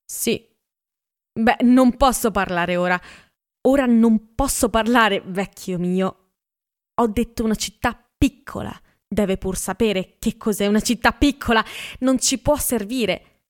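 A woman voicing a wealthy young man who is eager and nervous, speaking in a hurried, insistent way in an audiobook reading. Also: a little high, close to an everyday voice.

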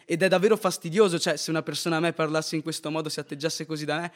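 A man's voice: on the high side, fairly even intonation, very fast. Earnest man reviewing a film. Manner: earnest, with tag questions. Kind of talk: casual film review chat.

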